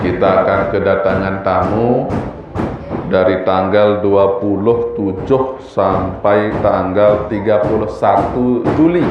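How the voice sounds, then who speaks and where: Slow Lombok-accented preacher in an echoey hall. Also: male voice, deep voice. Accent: Sasak-accented Indonesian from Lombok. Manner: chatty and joking, firing rhetorical questions at the congregation. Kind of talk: weekly religious study sermon. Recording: echoey hall, distant dull mic.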